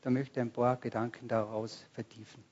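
A man's voice: mid-range voice, level tone, brisk, dull audio, slight background noise. A man preaching a sermon to a congregation, speaking conversationally and asking the listeners questions directly. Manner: rises to loud bursts when quoting cries. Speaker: pastor. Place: church service before a congregation.

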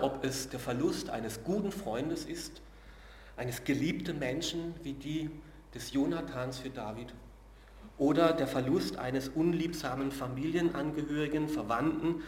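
Prediger in hallendem Saal. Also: male voice, medium pitch, echoey room, slight background noise. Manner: earnest, slows and drops to a hush on key words; uses filler sounds between phrases. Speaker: preacher. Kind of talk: sermon.

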